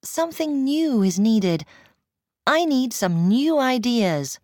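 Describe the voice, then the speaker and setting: A woman voicing a curious young girl who muses quietly to herself in a storybook reading. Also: fairly high pitch, sing-song, takes it slowly, dry recording, studio quality. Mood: pondering.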